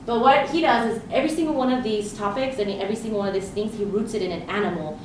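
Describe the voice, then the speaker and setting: Quick-paced with a medium pitch, this woman delivers a live conference presentation as a leadership coach in an event room with an audience, animatedly telling stories and acting out her own thoughts. Her first language was Romanian, though she grew up in Southern California. The audio is very echoey, with background noise and her voice far from the mic.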